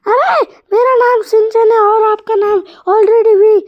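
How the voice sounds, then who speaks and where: A man voicing a cheeky little cartoon boy who pleads and squeals in a high voice. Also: fairly even intonation, unhurried, dull audio. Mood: whiny.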